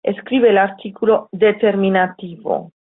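A woman's voice: mid-range voice, steady tone, measured pace, husky. A woman with a Spanish accent from Spain, teaching a live online lesson, explaining patiently and reading student questions aloud from the chat. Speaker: Italian teacher. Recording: tinny phone-like audio.

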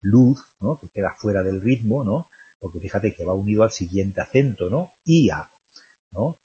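Man, poetry lecture, husky low voice, dry lo-fi recording, tag questions throughout. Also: lively intonation, normal speed, mellow. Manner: constant tag questions, thinking aloud. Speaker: literature teacher. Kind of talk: recorded lecture analyzing a poem.

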